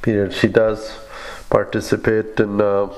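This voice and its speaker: Male clinician, lowish voice, very flat intonation. Medical dictation read off in clipped, halting fragments with spoken commands. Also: poor audio. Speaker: clinician dictating patient notes.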